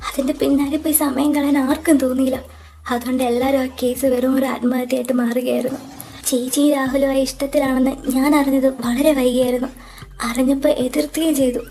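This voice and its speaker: Casting: high, mellow-voiced woman playing a young college girl, soft and tearful, loyal younger sister in an audio drama.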